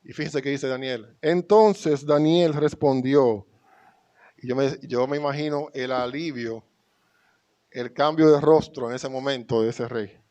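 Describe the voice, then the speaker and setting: A man's voice: medium pitch, steady tone, normal speed, darkish tone, dull audio. A man with a Dominican Spanish accent preaching a sermon to his congregation, reading scripture aloud with rising emphasis. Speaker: pastor.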